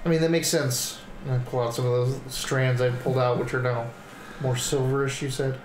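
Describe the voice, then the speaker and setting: A man's voice: mid-range voice, level tone, brisk. A man playing a tabletop role-playing game, talking casually around the table. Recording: echoey room with clear background noise.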